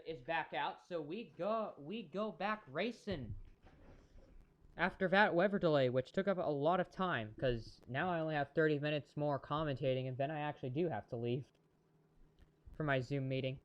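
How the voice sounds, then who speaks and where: A man's voice: fairly high pitch, moderate pace, dull audio. A man giving casual live-stream commentary on a race, chatty and rambling, talking to his chat viewers.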